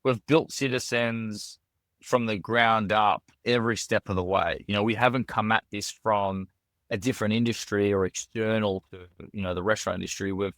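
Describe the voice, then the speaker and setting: A man's voice: on the low side, steady tone, normal speed, a bit bright, dry recording. Aussie guy on a podcast, earnest, lots of you knows, dry sound. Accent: Australian. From Australia. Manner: earnest, with frequent fillers and repeated words. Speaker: restaurant founder, guest. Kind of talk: casual podcast interview.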